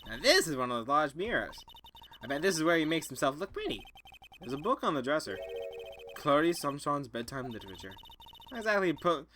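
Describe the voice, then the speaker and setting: A man's voice: a little high, big pitch swings, brisk, sharp tone, slight background noise. A man voicing a wry young defense lawyer. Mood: thoughtful. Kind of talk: fan voice-over of a game. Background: game music.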